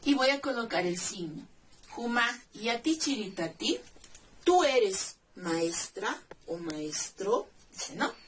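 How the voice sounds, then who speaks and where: A woman teaching a language lesson at a slow, careful pace, her voice sitting fairly high. She spells out word endings letter by letter and keeps checking that the listener follows. The mic is some distance away, with faint noise behind her. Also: big pitch swings. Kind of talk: slow, deliberate classroom explanation.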